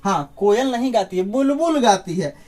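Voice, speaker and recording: A man's voice: high-pitched, expressive, normal speed, a little mellow. A man giving an informal spoken lesson, chatty, with joking asides and questions put to the listener. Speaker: teacher.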